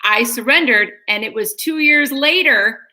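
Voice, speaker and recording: Woman, guest storyteller, bright and punchy, acts out quotes, chatty. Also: on the high side, unhurried. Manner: expressive, breaks into acted-out quotes. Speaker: guest speaker and comedian. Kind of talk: animated personal storytelling.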